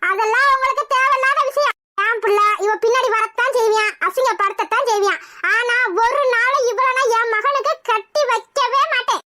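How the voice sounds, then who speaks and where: A woman voicing a sharp-tongued, quarrelsome village mother in a cartoon, shrill and scolding. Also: a little fast, a little hiss or hum. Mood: defiant. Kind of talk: cartoon voice acting.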